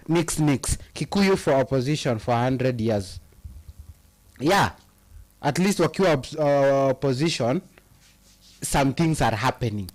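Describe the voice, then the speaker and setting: This mid-range, darkish-toned voice belongs to a Kenyan man co-hosting an informal live chat mixing Swahili and English. He reads viewers' comments with fervor, punctuated by hesitant fillers.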